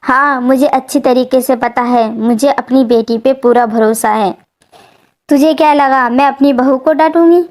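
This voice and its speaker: A woman's voice: high voice, a little slow, a little mellow. A woman voicing a kind, protective mother-in-law. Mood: stern.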